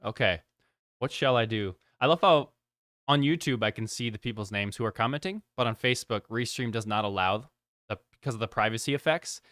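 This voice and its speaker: A man's voice: fairly low pitch, brisk, fairly bright tone, no echo, clean studio sound. A man hosting a live board game stream, chatting casually, teasing his opponent and laughing often. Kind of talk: casual livestream chat while playing.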